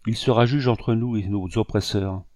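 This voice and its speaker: A man's voice: on the low side, steady tone, moderate pace, dark tone, no room sound, clean studio sound, lightly acted. A man reading the lines of a weary, brooding male rebel commander in an audiobook.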